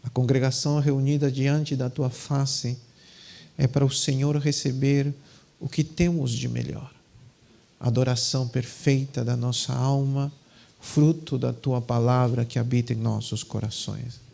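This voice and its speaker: Gravelly Peruvian-accented pastor. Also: male voice, medium pitch, fairly even intonation, measured pace, poor audio. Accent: Peruvian Spanish. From Peru. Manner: casual chatty introduction, then fervent loud prayer. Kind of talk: sermon and prayer. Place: church.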